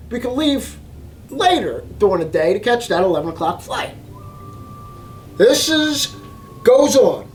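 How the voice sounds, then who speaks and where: A man hosting a vlog, telling a long story in an emphatic, animated way and often repeating himself. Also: very high voice, rough recording. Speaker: cooking channel host.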